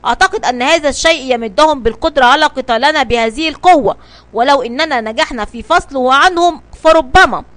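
A calm, resolute male sea captain gives orders firmly in a children's storybook, voiced by a woman. He speaks in measured tones on a high pitch. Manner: firm and measured. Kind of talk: storybook reading.

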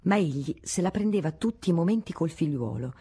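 Low, husky woman narrating a novel. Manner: steady, measured storytelling. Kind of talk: audiobook narration of a classic novel.

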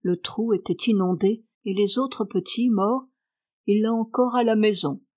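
A woman's voice: medium pitch, unhurried, a little mellow, close to an everyday voice. A woman reading the lines of a talkative young housemaid in a storybook, in a plain matter-of-fact telling voice. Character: stubborn chatty young housemaid. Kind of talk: audiobook character reading.

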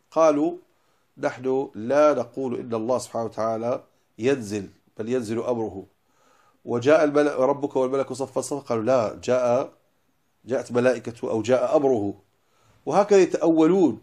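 A man teaching as a religious lecturer, explaining lines of a poem and stressing key words before dropping into quiet asides. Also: mid-range voice. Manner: emphatic, stresses single words then drops to quiet asides.

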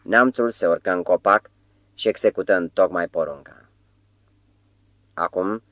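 A man reading a novel aloud as an audiobook narrator, measured and grave. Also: low-pitched, a bit bright, dry recording. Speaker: audiobook reader.

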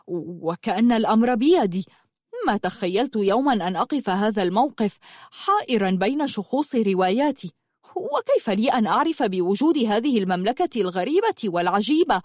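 A woman voicing a flustered male novelist who turns defensive and then gentle. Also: medium pitch, very animated, a little fast, no echo, clean studio sound. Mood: embarrassed. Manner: defensive, bursts into anger then softens.

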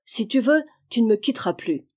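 A woman's voice: on the high side, lively intonation, a little fast. A woman reading the part of a frank, cheerful young army captain in an audiobook.

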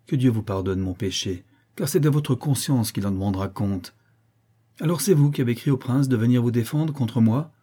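A man's voice: brisk, warm tone, slightly rough, natural voice. A man reading aloud voicing a haughty, furious old noblewoman who speaks with crushing scorn. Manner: scornful, shrill when enraged.

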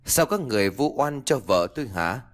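A man's voice: mid-range voice, big pitch swings, fairly quick, voice pushed up, close to an everyday voice. A man voicing a frantic, devoted young village husband who stammers and pleads in a ghost story. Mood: alarmed.

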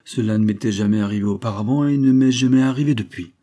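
A man's voice: fairly low pitch, fast, dark tone, lightly acted. A man reading a weary, shaken doctor on the stand. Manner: dull, reluctant testimony. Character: weary, troubled male witness, a doctor.

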